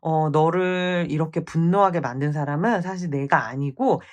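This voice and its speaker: A woman voicing a scheming usurper king who smoothly talks others into murder, in a retold classic play. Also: deep voice, normal speed, a little mellow, lightly acted.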